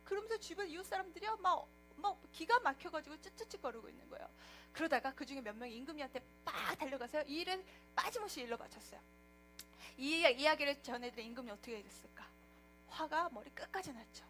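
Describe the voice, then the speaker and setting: High, animated woman telling children a story. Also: quick pace, soft background music. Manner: animated, asks the children questions. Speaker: children's ministry preacher.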